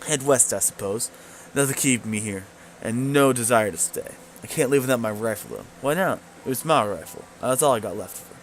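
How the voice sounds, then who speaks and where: A bitter, grieving woman rancher speaks bluntly in rough rural grammar, read by a man in his ordinary voice. Her middle-pitched lines come from a video game. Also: lively intonation, brisk, a little hiss or hum, close to an everyday voice. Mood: weary.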